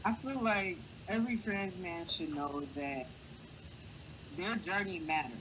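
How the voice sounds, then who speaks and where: A man with a light, high, boyish voice speaks earnestly as a guest in a casual interview, offering encouraging advice. He's unhurried and fairly bright in tone, but the audio is poor, with clear background noise.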